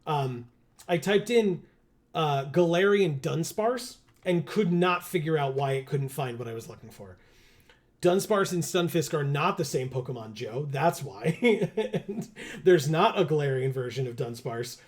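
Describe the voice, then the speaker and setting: A man's voice: fairly high pitch, animated, a little slow. A man chatting casually while streaming a video game, rambling with fillers and laughing often. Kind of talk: casual livestream chat.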